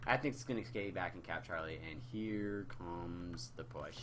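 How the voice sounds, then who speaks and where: Hoarse, bright-toned man commentating a match. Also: low-pitched, normal speed, a little hiss or hum. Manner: casual, rambling, with fillers. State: losing his voice. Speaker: game commentator. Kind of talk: live esports commentary.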